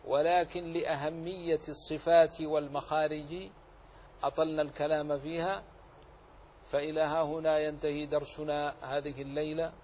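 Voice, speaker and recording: A man's voice: a little high, little pitch movement, normal speed, a little hiss or hum. A man teaching a tajweed lesson who explains each rule and then recites the correct form as an example.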